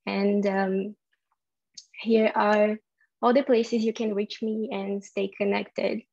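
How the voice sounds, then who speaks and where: A woman's voice: mid-range voice, little pitch movement, slow pace, gravelly, darkish tone, highs cut off. A young woman from Brazil with a Brazilian Portuguese accent, presenting a tech talk and explaining things with frequent ums and uhs. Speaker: software developer giving a conference talk.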